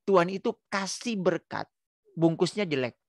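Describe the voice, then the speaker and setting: A middle-aged male pastor talks in a loose, chatty sermon manner, breaking off and restarting his sentences often. His voice sits a little high for a man. The sound is dry and close, with no room echo. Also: lively intonation, moderate pace. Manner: hesitant, many restarts and fillers, tells stories. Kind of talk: casual sermon-like chat.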